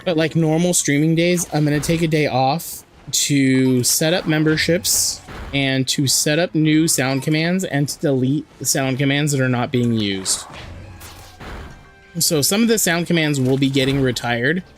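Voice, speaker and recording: Hoarse man chatting on a game stream. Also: on the high side, a little slow, faint music behind. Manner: chatty, joking, reads and answers chat. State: hoarse from a sore throat. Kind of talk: casual live-stream chat while playing.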